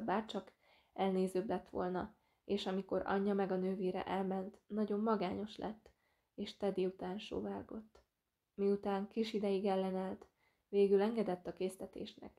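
A woman's voice: medium pitch, vocal fry, warm tone. A woman reading a novel aloud as an audiobook narrator, voicing the characters lightly in turn. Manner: reads several characters in lightly changed voices.

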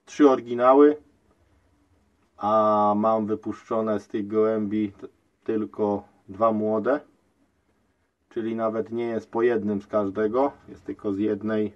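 A man who breeds pigeons, casually vlogging from his loft and talking in a slow, rambling way with many hesitations. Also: fairly low pitch, level tone, lo-fi sound. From Poland. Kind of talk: casual vlog walkthrough. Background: pigeons cooing, faint outdoor noise.

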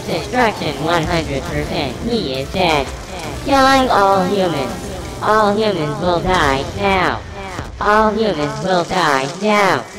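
A man doing a robot voice for a menacing war drone that vows to kill all humans, in slow, flat, monotone threats. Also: high voice, a crowd in the background, low-quality recording. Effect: put-on robot voice. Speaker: gamer playing live.

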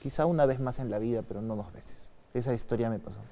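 Un hombre con acento peruano, invitado ocultista, que narra con calma y en voz baja una experiencia personal en una entrevista. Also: male voice, medium pitch, fast. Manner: soft-spoken, calm storytelling with frequent tag questions. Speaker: occultist guest. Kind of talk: telling a personal story in an interview.

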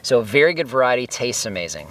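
Male vlogger, casual outdoor garden walkthrough, chatty and enthusiastic, soft music bed. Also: mid-range voice, big pitch swings, fast talker. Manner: chatty, enthusiastic, talks while eating. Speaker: homesteading vlogger. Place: outdoors in an orchard.

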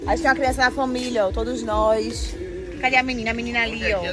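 A young woman, chatting excitedly to viewers as she films a hotel tour on her phone. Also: fairly high pitch, fast talker, music in the background. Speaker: vlogger. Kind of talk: casual vlog tour.

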